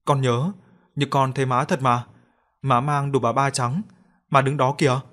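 A small grieving boy, voiced by a man narrating an audio story, pleads through his tears. His voice sits at a middle pitch. The manner is tearful and pleading throughout. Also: level tone, moderate pace, fairly bright tone, lightly acted.

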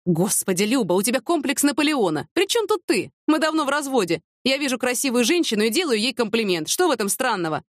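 A woman's voice: a little high, very animated, quick pace, hardly any pauses, no echo, studio quality, voice pushed up. A woman voicing a mocking, sarcastic middle-aged police lieutenant colonel in an audiobook. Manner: sarcastic, teasing.

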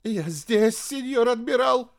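A man's voice: high-pitched, animated, a little fast, a little mellow, pitched above the performer's own voice. A man voicing a nervous young male radio operator in an audiobook, talking in a shaky, frightened way. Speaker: audiobook character.

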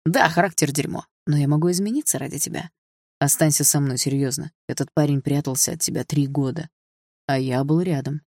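A brash, cocky young man taunts his rival with a flippant swagger, as a male narrator puts him on. The voice has a gravelly edge. It is an audiobook reading, recorded dry and close. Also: a little high, fairly quick, a little mellow, no echo. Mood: taunting.

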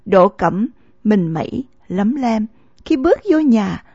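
A woman reading a novel aloud as an audiobook narrator, in measured storytelling narration, in a dull, lo-fi recording. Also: mid-range voice, big pitch swings, mellow, slightly rough, no room sound.

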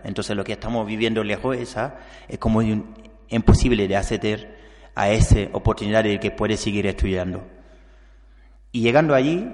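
Low-voiced man from Senegal in a hall. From Casamance, southern Senegal. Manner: halting, searching for words, frequent restarts. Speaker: invited speaker telling his migration story. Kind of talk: public talk, personal testimony. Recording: long hall reverb.

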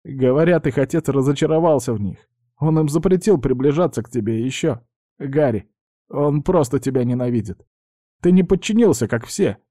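A man voicing a beaten, frightened young male student with a whiny, high voice in an audiobook reading. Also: animated, moderate pace, warm tone, no echo, studio quality, lightly acted. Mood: bitter.

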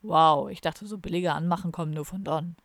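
A woman voicing a gruff, hard-drinking metalhead man in an audiobook, dry and grumbling. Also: deep voice, a little fast, dry recording, voice pushed down.

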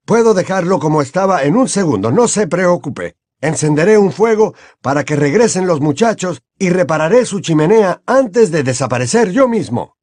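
A man's voice: sits high, sing-song, normal speed, hardly any pauses, a little mellow, no room sound, clean studio sound, voice pushed up. A man doing an eager, flustered wizard dad. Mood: apologetic. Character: excitable middle-aged wizard father, kindly. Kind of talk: audiobook character voice.

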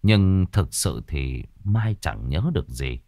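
A man's voice: extremely low pitch, very animated, slow pace, mellow, dry recording, clean studio sound. A man reading a scripted horror story aloud, dramatic and lingering on gruesome detail.

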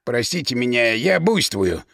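A tipsy inventor who shrugs everything off with weary irony, as a male reader puts him on. The voice has a gravelly texture and lively turns in pitch, recorded dry and close. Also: a little slow, dry recording, exaggerated voice. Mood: ironic. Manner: ironic, weary. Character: lazy, boozy male inventor, ironic.

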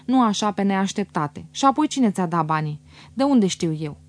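A woman reading an audiobook, voicing a sulky, stubborn man with shrill, petulant outbursts. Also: lively intonation, lightly acted. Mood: stubborn sulking.

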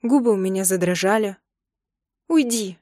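A woman reading a novel aloud in first person, expressive and dramatic. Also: mid-range voice, normal speed, no echo, clean studio sound. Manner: expressive, acts out emotional dialogue. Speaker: audiobook narrator. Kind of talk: first-person audiobook narration.

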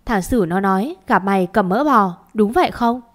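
A woman voicing a sharp-tongued older mistress who scolds and curses her servants in a storybook reading. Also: medium pitch, lively intonation, moderate pace, natural voice. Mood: angry.

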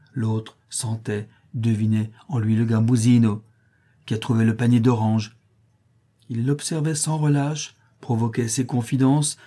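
A man reading a gentle old nurse. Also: on the low side, natural voice. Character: old Mexican nurse woman, tender.

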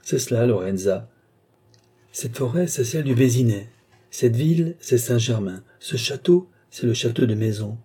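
A man's voice: medium pitch, lively intonation, moderate pace, dark tone, husky. A man playing an ardent, passionate mesmerist who questions his entranced lover eagerly and urgently.

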